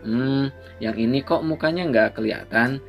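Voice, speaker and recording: A man playing an eager small boy detective in a storybook, speaking in a hushed, curious voice at a middling pitch. He is earnest and keeps his voice down. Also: normal speed, vocal fry, faint music behind, natural voice.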